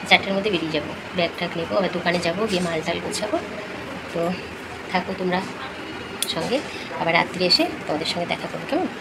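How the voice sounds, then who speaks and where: Middle-aged Bengali woman, low voice, loud noise. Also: gravelly. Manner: soft, hushed, homely chat to viewers. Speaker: vlogger, mother. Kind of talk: casual vlog narration.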